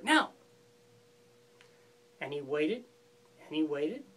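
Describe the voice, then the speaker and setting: A woman storyteller telling an old animal folk tale in a relaxed, conversational way, with repetition for effect. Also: mid-range voice.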